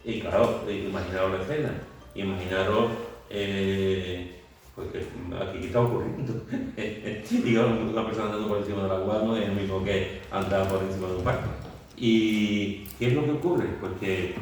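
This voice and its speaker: A man's voice: deep voice, normal speed. A man leading a Bible study, telling the story vividly with many fillers and restarts. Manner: vivid storytelling, acting out scenes with shouts and sound words. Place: church meeting room. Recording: very echoey room, mic far off.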